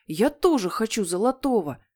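A woman voicing a naughty, greedy young boy who shouts and demands, in an audiobook reading. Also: mid-range voice, animated, normal speed, natural voice. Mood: sulky. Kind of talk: audiobook character voice.

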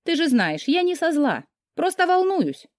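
A woman's voice: a little high, big pitch swings, moderate pace, no room sound, clean studio sound, voice pushed up. Woman playing bubbly, bossy young friend Karina. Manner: teasing, bubbly.

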